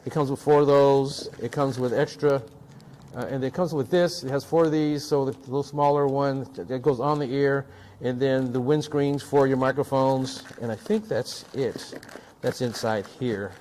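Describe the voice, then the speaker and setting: As he unboxes products for his tech review show, an audio and video production technician rambles casually, frequently restarting and repeating himself. His medium-pitched voice is steady and dark at a normal speed, with a little hiss or hum in the recording.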